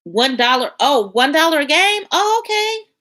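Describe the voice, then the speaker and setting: Woman streamer, relaxed and colloquial, reads chat aloud, bright tone. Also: high voice, normal speed. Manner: chatty, colloquial, talks to viewers by name. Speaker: livestream host reading chat. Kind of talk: casual live-stream chat.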